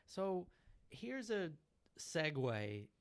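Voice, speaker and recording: A man's voice: fairly high pitch, very animated, extremely slow, clean tone. Teasing male podcast co-host. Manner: teasing, joking. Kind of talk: casual chat.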